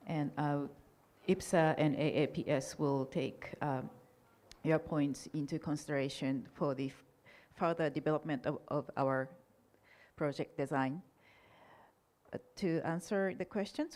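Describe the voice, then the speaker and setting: This woman has a deep, dark-toned voice and Japanese as her first language. She responds to audience questions at an academic conference with polite, measured answers full of fillers.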